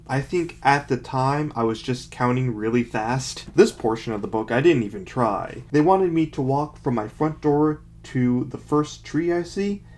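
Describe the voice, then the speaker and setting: A young man with an average-pitched, slightly mellow voice talks casually like a vlogger while reading short bits from a childhood book aloud. He picks each passage apart with mocking, self-deprecating commentary and dry, sarcastic asides.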